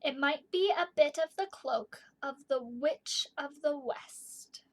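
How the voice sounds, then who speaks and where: A high-voiced woman gives a poetry lesson for little kids. She speaks in a broad singsong way, with simple explanations and carefully emphasized sounds, like a teacher reading aloud to a class. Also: slow pace. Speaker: teacher of young children.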